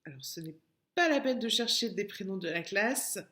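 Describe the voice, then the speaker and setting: A French woman teaching young children in a recorded lesson, speaking gently and stretching out syllables. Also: medium pitch, animated. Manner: slow, gentle, drawn-out syllables for small children. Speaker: preschool teacher. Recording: echoey room.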